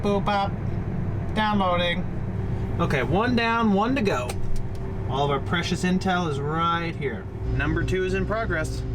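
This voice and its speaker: A farmer hosting his own vlog, explaining things in a clear, methodical way with dry little asides. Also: on the high side, noisy background.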